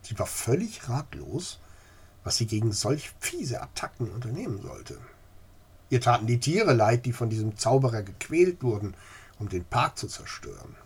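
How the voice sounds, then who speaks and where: A man reading a storybook aloud with expressive narration. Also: medium pitch, moderate pace, slightly rough.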